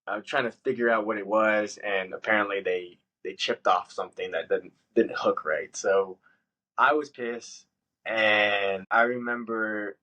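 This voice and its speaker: A man telling a story in casual podcast chat, swearing freely and jumping into high-pitched voices when he quotes himself. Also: fairly bright tone, low-quality recording. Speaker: podcast host.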